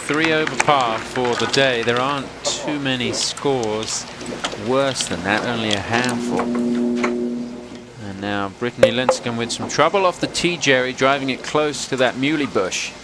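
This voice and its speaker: A man's voice: mid-range voice, measured pace, loud music behind the voice. A man leading live golf commentary as the main announcer.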